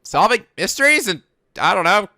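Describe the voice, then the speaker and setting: Let's play co-host: goofy, casual woman, bright tone, very lively intonation. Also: mid-range voice, moderate pace, a little hiss or hum. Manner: goofy, playful. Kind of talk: casual joking game commentary.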